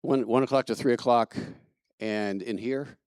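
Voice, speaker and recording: A man's voice: mid-range voice, fairly even intonation, moderate pace, a little mellow, smooth, dry recording, studio quality. A man from Kentucky giving church announcements as platform assistant, chatty and joking with many fillers. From Kentucky, USA. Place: church service.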